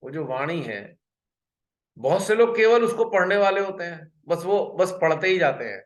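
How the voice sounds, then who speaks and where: A man giving a spiritual talk on a video call, earnest and pausing, often repeating a phrase before going on. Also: high voice, expressive, roomy sound. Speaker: spiritual workshop speaker.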